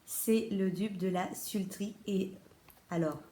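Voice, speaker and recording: A woman with a French accent talks through her latest beauty purchases in a loose, chatty way, often pausing on fillers and restarting her sentences. Her voice sits at a middling pitch, and the room around her adds a noticeable echo. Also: fairly even intonation, warm tone, slight background noise. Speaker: beauty vlogger. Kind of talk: casual haul video.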